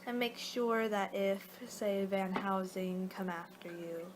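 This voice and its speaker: In a partly whispered, soft-spoken ASMR roleplay with a noisy background, a woman with a mid-range voice plays a female vampire who is young for her kind and guiding a client. She's casual and slightly exasperated, rambling, halting and losing her train of thought.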